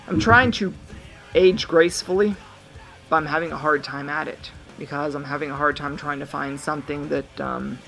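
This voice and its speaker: Man, thirties, slightly high voice, reflective rambling vlog talk, faint guitar behind. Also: creaky, sharp tone, low-quality recording. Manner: reflective, musing. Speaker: vlogger. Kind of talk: rambling monologue to camera. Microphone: camera mic.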